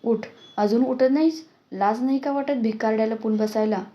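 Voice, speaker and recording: A woman's voice: a little high, moderate pace, muffled recording, close to an everyday voice. Woman reading as a stern scolding mother. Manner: scolding, commanding. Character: stern angry village mother scolding son.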